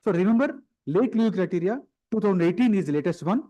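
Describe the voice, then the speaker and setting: A man's voice: high voice, lively intonation, fast talker, mellow, poor audio. A man giving a conference lecture at a medical symposium, explaining step by step, repeating key phrases and often restarting.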